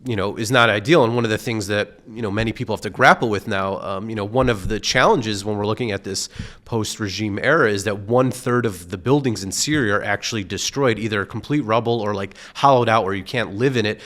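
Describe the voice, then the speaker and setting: Low-voiced expert guest explaining. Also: male voice, a little fast, a bit bright. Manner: explanatory, many fillers like "you know". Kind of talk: casual podcast interview.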